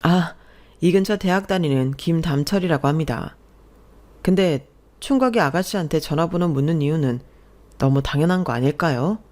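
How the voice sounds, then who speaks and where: A woman voicing a smooth, forward young male college student in a radio story, speaking with a slow, coaxing tone. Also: low-pitched, a little mellow, close to an everyday voice. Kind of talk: scripted radio story reading.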